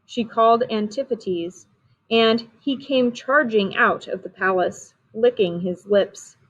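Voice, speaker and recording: A woman reading a storybook aloud in a steady, clear manner, on a dull lo-fi recording. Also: a little high, slow. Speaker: reader.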